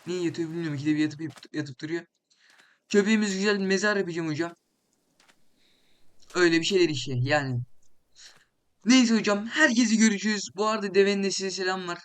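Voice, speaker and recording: A young man commentating his Minecraft play, complaining in an exasperated way, swearing casually and talking to the animals in the game. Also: high-pitched. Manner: swears casually, exclaims loudly. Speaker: gaming channel host.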